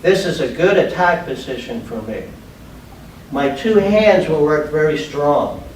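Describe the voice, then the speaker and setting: Slow-paced older man in an echoey room. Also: a little high, expressive, a little mellow. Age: older, about 60s. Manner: short, plain, step-by-step phrases. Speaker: judo instructor. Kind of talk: instructional demonstration. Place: large bare padded indoor training room. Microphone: distant camera microphone. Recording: echoey room, far microphone, background noise.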